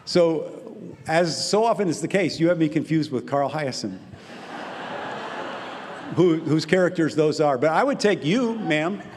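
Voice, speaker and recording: A man's voice: on the high side, unhurried. Rambling comic man in a reverberant hall. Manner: rambling, self-interrupting, wry deadpan asides. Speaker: humor author answering audience questions. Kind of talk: comic storytelling Q&A. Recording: hall reverb, faint background noise.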